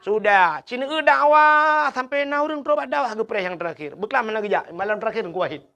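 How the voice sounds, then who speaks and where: A man's voice: sits high, animated, fairly quick, creaky, bright, forceful tone. A man preaching a humorous village sermon with an Acehnese accent, telling stories and acting out villagers' dialogue. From Aceh.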